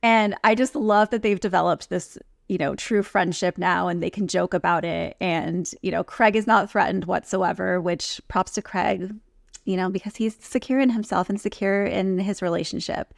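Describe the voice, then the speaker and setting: A woman with a creaky edge to her voice, recorded close and dry, co-hosts a reality TV recap. She talks casually and conversationally, retelling who said what. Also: on the low side, fairly even intonation, normal speed, no room sound. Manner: conversational, acts out quotes in reported speech. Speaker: podcast co-host recapping reality TV. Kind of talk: casual chat, TV recap commentary.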